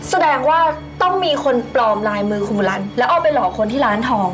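A feisty young dessert cook, played by an actress in a TV drama. She talks fast and stubbornly, pleading and arguing in a high voice that swoops widely. There is faint music under her lines. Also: expressive, lightly acted. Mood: polite. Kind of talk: TV drama acting.

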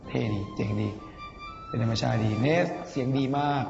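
A man's voice: mid-range voice, fairly even intonation, moderate pace, creaky. Young man teasing in a roomy room. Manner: teasing, big-brotherly advice. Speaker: departing contestant. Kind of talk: casual farewell message. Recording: roomy, distant, muffled with music. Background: music.

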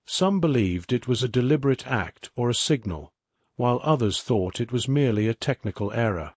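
A man reading scripted narration for an online mystery series in an even, measured documentary manner. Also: mid-range voice, husky, dry recording, clean studio sound.

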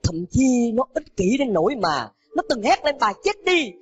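A man's voice: very high voice, big pitch swings, normal speed, darkish tone, slightly rough. Man telling an emotional moral story. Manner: dramatic, addresses listeners as children. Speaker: teacher at a summer retreat. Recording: dull lo-fi with background music.

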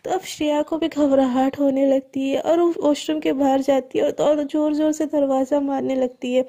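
A woman's voice: high voice, little pitch movement, normal speed, warm tone. A woman telling a serialized love story in a conversational, intimate way.

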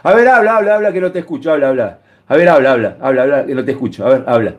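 Speaking at a medium pitch, this streamer sounds animated and races along as he takes calls on a heated live stream. He keeps shouting the same insults at callers, badgering them over and over.

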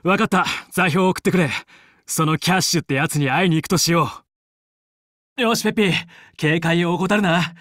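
Fox, a high-pitched heroic pilot. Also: male voice, a little fast, a bit bright, dry recording, clean studio sound. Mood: focused. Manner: commanding, earnest. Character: determined heroic fox space pilot, young male squad leader. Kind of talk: Japanese video game voice acting, battle callouts.

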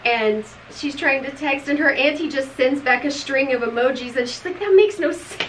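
This middle-aged woman co-hosts a book club and reviews a novel in a long, casual, rambling chat, often laughing and returning to earlier thoughts. Her voice sits high and a bit bright, at a moderate pace, as she speaks naturally to her co-host on camera from a room at home. The rough recording has slight background noise.

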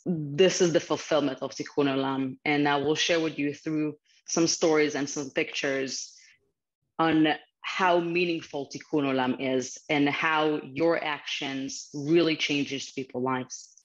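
A Ukrainian-accented woman in her thirties joins as a guest speaker over a video call from a small office, speaking earnestly and from the heart with slightly non-native phrasing. Her voice is low, with fairly even intonation and a slightly slow pace. The webcam audio comes through a bit muffled.

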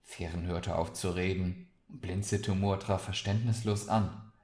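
A man reading a fantasy short story aloud, slow and deliberate. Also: sits low, steady tone, darkish tone. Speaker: reader of short stories. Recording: roomy echoey recording.

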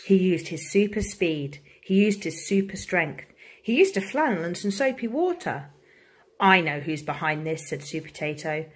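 A woman, a primary school teacher, reading a picture book aloud to children in an expressive, engaging way. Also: mid-range voice, moderate pace, slight background noise.

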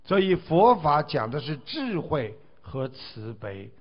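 A man's voice: on the high side, very animated, takes it slowly. A man giving a Buddhist dharma talk, exhorting his listeners and stretching out drawn 'ah' particles between phrases. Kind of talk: sermon. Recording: dull lo-fi recording.

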